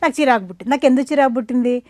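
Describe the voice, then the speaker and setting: A woman's voice: high voice, racing, darkish tone, no room sound, clean studio sound. A middle-aged woman who founded an academy, explaining her ideas in an interview in an earnest, questioning way. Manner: earnest, explanatory, rhetorical questions, mixes English phrases. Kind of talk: conversational interview.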